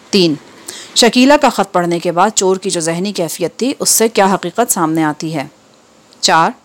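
A woman reading an Urdu textbook aloud, with careful, measured delivery and steady pauses between items. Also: medium pitch. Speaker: textbook reader.

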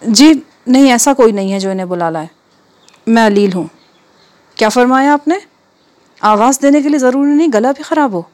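A woman's voice: a little high, pauses often, voice pushed up, natural voice. A woman reading the part of an irritable, ailing husband who grumbles and snaps sharply. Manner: grumbling, sharp-tongued, fussy. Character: ailing irritable middle-aged husband, Mian.

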